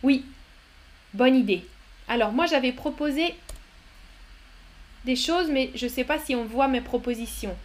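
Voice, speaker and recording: A woman's voice: high voice, measured pace, long pauses. A woman hosting a live word game as a teacher, reading out chat answers and cheering viewers on. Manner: upbeat, encouraging, reads chat names aloud.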